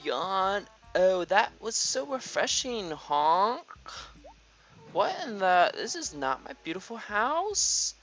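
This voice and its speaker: A drowsy, easily flustered animal villager from a cozy life-sim game, as a man puts on the voice. The voice is pitched well up and swoops around in a theatrical, sing-song way. The recording is a bit muffled and lo-fi. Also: very animated, takes it slowly, fairly bright tone, soft background music, exaggerated voice. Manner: high, sing-song and dramatic. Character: drowsy, flustered animal villager who wakes in the wrong house.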